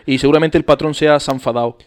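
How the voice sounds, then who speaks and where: Male co-host, quick and playful, amused reading out oddities. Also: fairly high pitch, fairly even intonation, darkish tone, smooth. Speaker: podcast co-host. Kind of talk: casual chat.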